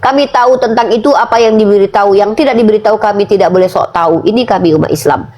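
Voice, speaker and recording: A woman making a religious argument in a debate, forceful, asking herself rhetorical questions and slowing down to stress key points. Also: medium pitch.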